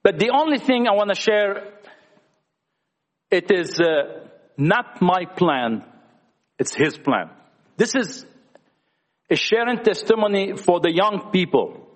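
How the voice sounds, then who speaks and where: A Lebanese man shares his personal testimony with young people at a church gathering, talkative and earnest. His voice sits high and sing-song, slow and full of pauses, in an echoey hall.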